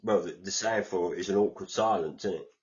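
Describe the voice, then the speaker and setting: A man's voice: low voice, brisk, darkish tone, muffled recording. An English man co-hosting a podcast, chatting casually and retelling conversations with lots of reported speech. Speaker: podcast co-host. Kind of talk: casual chat.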